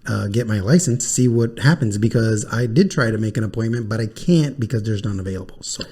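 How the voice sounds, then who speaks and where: A man's voice: on the low side, a little fast, mellow, husky. A man co-hosting a casual podcast chat, talking in a laid-back, easygoing way. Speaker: podcast co-host.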